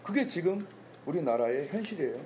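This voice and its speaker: A man's voice: on the high side, sing-song, a little fast, darkish tone, a little hiss or hum. A male senior pastor preaching a Sunday sermon, firing rhetorical questions and reading scripture aloud. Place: church sanctuary.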